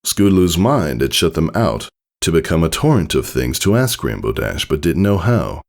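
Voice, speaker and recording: At a moderate pace, a man with a gravelly, low voice reads a fan fiction story from a script, letting his pitch range broadly for expressive narration.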